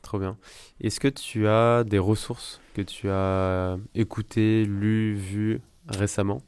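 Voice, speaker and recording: A man hosting a casual podcast interview, asking quick questions and giving short, friendly replies. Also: fairly low pitch, flat delivery, darkish tone, clean tone, no room sound. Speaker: podcast host.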